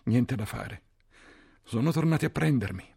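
A man's voice: medium pitch, animated, moderate pace, vocal fry, pitched above the performer's own voice. A man voicing a resentful wounded soldier who grumbles and swears. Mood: shouting.

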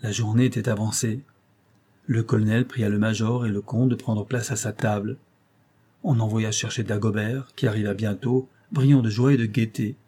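A man reads a classic tale aloud in a steady storytelling manner. His voice is dark and mellow, with a husky grain. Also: on the low side, moderate pace. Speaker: narrator. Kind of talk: audiobook reading of a classic tale.

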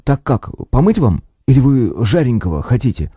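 A man's voice: mid-range voice, big pitch swings, normal speed, warm tone, breathy edge, no room sound, clean studio sound, pitched above the performer's own voice. A man doing a playful mocking prankster. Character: cheerful joking young man, laughing prankster.

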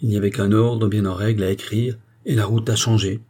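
A man voicing an angry, vengeful guardsman who recounts his ride with fierce conviction, in a husky voice. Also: fairly low pitch, fairly even intonation, fairly quick, a little mellow. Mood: determined. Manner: fierce, vehement storytelling.

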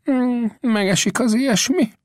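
A man voicing a calm, self-assured old male frontier scout in an audiobook, with mocking ease. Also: extremely high pitch, no echo, studio quality, pitched above the performer's own voice. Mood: calm wry. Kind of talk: audiobook character voice.

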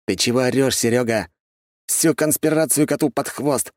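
A man narrating puts on a brisk, loyal investigator with a swinging, animated voice. He leans hard on his words and stays loyal but blunt. The sound is dry and close. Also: medium pitch, dry recording, pitched above the performer's own voice, lightly acted. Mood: scolding. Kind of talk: audiobook character voice.

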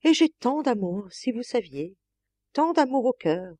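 A heartsick lady of the house begs and laments in a swooping, tearful voice, as a woman reader puts her on. Her pleas climb high and sink low. The sound is dry and close. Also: sing-song, a little slow, dark tone, dry recording. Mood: lamenting. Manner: pleading, moaning, breaking into sobs. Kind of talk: audiobook character voice.

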